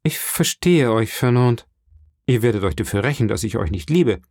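A proud, steadfast young fisher girl, as a male audiobook reader puts her on in a lifted, earnest voice. She speaks with firm conviction, refusing calmly but without yielding. The sound is dry and close, with no room around it. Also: moderate pace, no room sound. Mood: earnest, pleading. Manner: raised pitch, earnest pleading tone. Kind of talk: audiobook reading.

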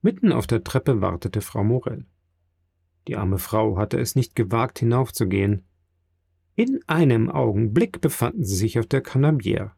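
A man narrating a classic novel aloud in a measured, steady reading. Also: lowish voice, vocal fry, breathy edge, no room sound, clean studio sound. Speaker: audiobook narrator. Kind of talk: scripted narration.

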